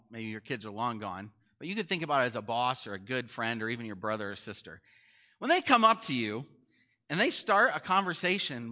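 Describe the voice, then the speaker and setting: A man's voice: fairly high pitch, bright, forceful tone. A man preaching a sermon as pastor in a conversational way, often asking the congregation questions.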